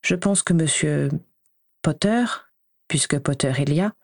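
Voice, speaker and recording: A woman reading aloud, voicing an old male wizard headmaster in a measured, grave manner with a low, husky voice. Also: dry recording, clean studio sound.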